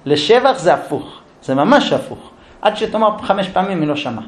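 Middle-aged male lecturer, humorous marriage talk, high expressive pitch, plays both spouses, echoey room. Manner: acts out quarrels in a high whiny wife voice. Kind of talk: humorous relationship lesson.

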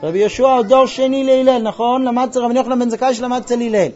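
A man's voice: extremely high pitch, steady tone, darkish tone, highs cut off. A man teaching a Talmud class, retelling stories with quoted dialogue and quizzing his students. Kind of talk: classroom lesson with storytelling.

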